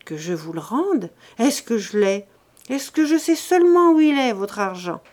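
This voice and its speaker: A woman's voice: a little high, expressive, moderate pace, a little mellow, natural voice. A woman doing a sneering peasant son. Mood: shouting. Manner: sneering and taunting. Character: mocking, sly grown peasant son.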